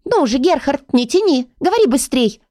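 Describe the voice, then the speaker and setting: A woman voicing a tiny, excitable girl storybook with a squeaky, high voice, read in a dry recording. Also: brisk, dry recording. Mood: eager.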